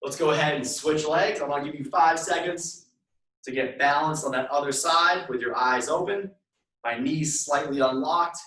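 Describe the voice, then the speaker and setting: Leading a live exercise class, a man gives brief, repeated instructions and counts down the reps at a moderate pace. His voice sits on the high side with some brightness, and he's recorded at a distance in a room full of echo.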